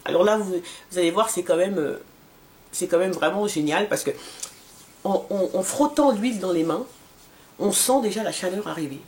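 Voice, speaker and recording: Woman, forties, beauty vlogger, casual review, halting speech full of fillers. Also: on the low side, a little mellow. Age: 40s. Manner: hesitant, many fillers and restarts.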